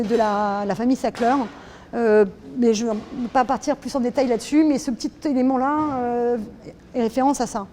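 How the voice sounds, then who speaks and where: A woman's voice: high-pitched, mellow, a little hiss or hum. A French woman artist giving a casual guided tour of her own drawing, hesitant, with many restarts and fillers. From France. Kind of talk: casual spoken explanation.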